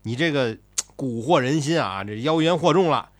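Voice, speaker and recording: A man's voice: medium pitch, expressive, normal speed, dry recording, close to an everyday voice. A man doing a scornful court official. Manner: scoffing, lecturing. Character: skeptical ancient male court official, scornful.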